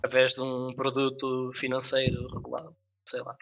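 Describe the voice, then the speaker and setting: Bright-voiced man with European Portuguese accent. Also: medium pitch, completely flat delivery, moderate pace, creaky. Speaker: podcast co-host. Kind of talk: casual podcast discussion.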